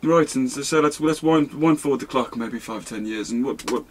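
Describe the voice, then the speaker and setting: A polite, mildly stuffy radio host asks probing questions, hesitating and restarting now and then, played by a man. His voice sits at a middling pitch. It is an improvised comedy interview. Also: moderate pace, a little hiss or hum, lightly acted.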